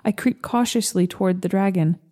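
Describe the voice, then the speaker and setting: A woman narrates a first-person tale with a slow, gentle, measured delivery. Her voice is mellow and warm and sits at an ordinary middle pitch.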